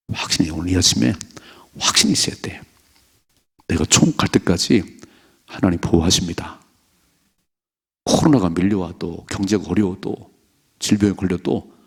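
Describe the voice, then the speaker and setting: A middle-aged man preaching at dawn in a church, his low voice gravelly and husky. He presses his points hard and acts out the scripture's dialogue in a raised voice. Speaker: pastor. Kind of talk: early morning sermon. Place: church sanctuary.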